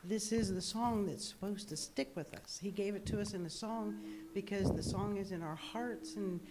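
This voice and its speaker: A woman's voice: medium pitch, normal speed, very noisy. A woman taking part in a congregation's Bible study, speaking casually and searching for her words. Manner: casual and searching, with "or whatever" hedges. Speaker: congregation member. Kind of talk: group Bible study discussion.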